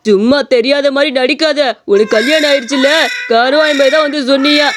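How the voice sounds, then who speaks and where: A man voices a lovesick, hot-tempered young man in a cartoon story, delivering the lines with dramatic wailing. He speaks fairly quickly in a very high voice that's a bit bright. There's an audible hiss underneath.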